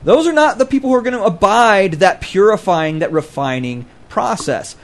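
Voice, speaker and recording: A man's voice: sits high, animated, moderate pace. A man co-hosting a podcast, explaining scripture in a casual, scholarly way and thinking aloud as he goes. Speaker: podcast co-host discussing scripture.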